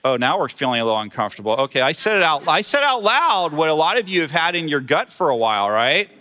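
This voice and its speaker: A male pastor preaching a conversational sermon in a church, retelling a scripture story with lively voiced quotes. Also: on the high side, quick pace. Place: church sanctuary with screen.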